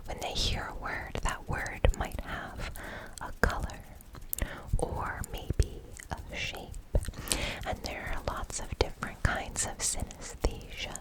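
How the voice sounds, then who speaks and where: A woman giving an ASMR science explainer in a breathy whisper, often repeating single words softly for tingly effect. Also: poor audio. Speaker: ASMR host explaining research.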